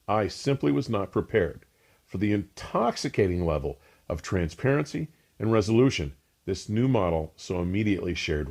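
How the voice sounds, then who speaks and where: A lowish, darkish male voice carries this scripted product review narration. The speaker hosts the show and reviews audio gear with an emphatic, enthusiastic, polished manner.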